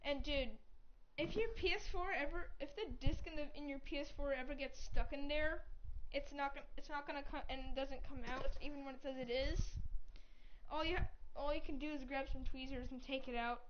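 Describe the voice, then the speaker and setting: A woman's voice: high-pitched, fairly quick. A woman streaming a game, chatting casually in a rambling, joking way. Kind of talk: casual gaming chat. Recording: dull lo-fi audio with steady noise.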